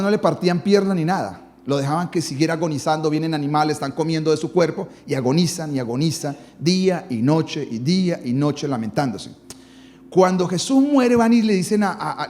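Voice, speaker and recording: A man's voice: a little high, a little mellow. A man preaching a sermon as pastor, dramatic, with his voice rising and falling for emphasis.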